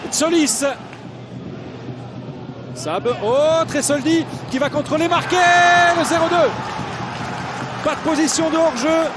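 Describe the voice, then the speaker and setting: High-pitched man yelling goals in football commentary. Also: slow pace, long pauses. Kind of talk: excited live football match commentary. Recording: noisy stadium crowd behind voice. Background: cheering crowd in stadium.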